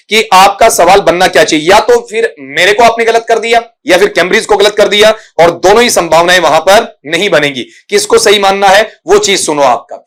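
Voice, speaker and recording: A man's voice: high voice, fairly bright tone. A man teaching an exam-prep English lesson, patiently answering student questions while writing out examples and addressing students affectionately. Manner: patient, repetitive, addresses students as "beta" and "bachcha".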